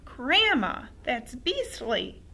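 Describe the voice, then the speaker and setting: A woman's voice: high-pitched, very animated, drawn-out words, vocal fry, sharp tone, pitched above the performer's own voice, exaggerated voice. Woman doing a disgusted, frightened little boy. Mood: disgusted, pleading.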